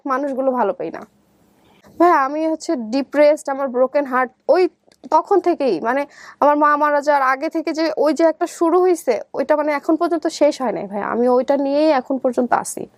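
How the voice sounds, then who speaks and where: In an interview, a young adult woman with a Bangladeshi accent recounts her own story conversationally, frequently re-enacting quoted dialogue. Her voice sits high and she keeps a moderate pace, with no echo on the recording.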